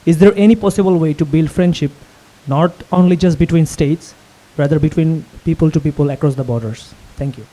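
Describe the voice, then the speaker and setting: A man's voice: a little high, fairly quick, dark tone, rough recording. A man from the audience asking a long question in formal, academic phrasing.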